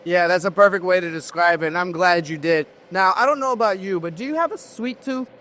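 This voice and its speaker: Man, high-pitched voice, factory tour guide, on-camera host, addressing the audience, interviewing. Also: brisk, sharp tone, slight background noise.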